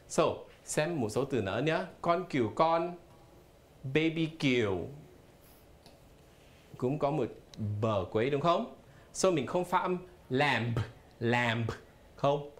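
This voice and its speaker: A man teaching a live televised language lesson in a studio, explaining patiently and spelling words out letter by letter. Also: mid-range voice. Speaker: English teacher.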